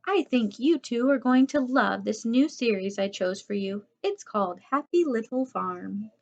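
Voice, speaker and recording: A woman's voice: fairly high pitch, expressive, a little slow, creaky. Lady doing a sweet but firm teacher voice, storybook, slightly muffled. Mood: sweetly firm. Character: patient, firm primary school teacher woman.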